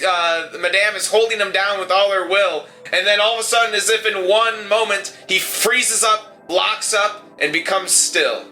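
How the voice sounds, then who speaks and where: A man with a high, very bright voice narrates a tabletop horror game as game master. He describes scenes haltingly, leaning on fillers, over faint music in the background. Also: poor audio.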